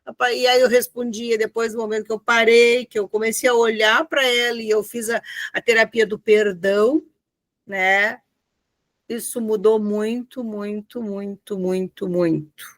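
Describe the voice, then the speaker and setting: A woman's voice: fairly high pitch, steady tone, unhurried, a bit bright, no room sound. Emotional woman, dry sound. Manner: emotional, repetitive storytelling. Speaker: caller. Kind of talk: personal account on a live stream.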